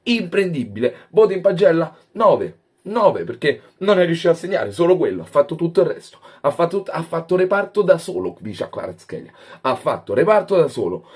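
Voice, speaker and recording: A man giving an excitable fan review of a football match, swearing freely. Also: on the high side.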